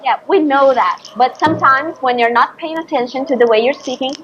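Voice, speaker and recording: Brazilian woman interviewee, Portuguese native, patient explainer, bit higher pitched. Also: a little fast, dull audio, background noise. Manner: explanatory, gives examples. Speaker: interviewee, English teacher. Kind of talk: casual interview.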